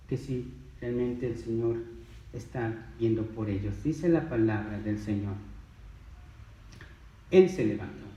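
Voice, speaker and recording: Mellow-voiced man preaching in an echoey room. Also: mid-range voice, distant mic. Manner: emphatic preaching with rhetorical questions. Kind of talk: sermon.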